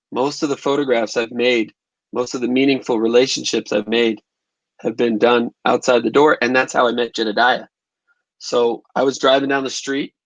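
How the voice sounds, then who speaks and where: A man's voice: mid-range voice, no room sound, rough recording. A man filmmaker answering interview questions in a thoughtful, conversational way, often restarting his phrases. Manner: thoughtful, restarts phrases while recalling events. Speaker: documentary filmmaker and photographer.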